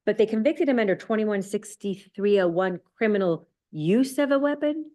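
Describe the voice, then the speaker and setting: A woman's voice: medium pitch, expressive, moderate pace, mellow. A woman speaking as a judge, questioning counsel conversationally from the bench.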